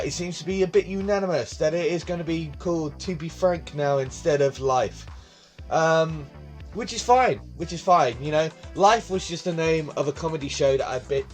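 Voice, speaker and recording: A young man in his 20s hosts his own vlog from his bedroom, talking to a phone camera set on a tripod. His voice is a bit high, and he rambles and repeats himself casually while faint music plays in the background.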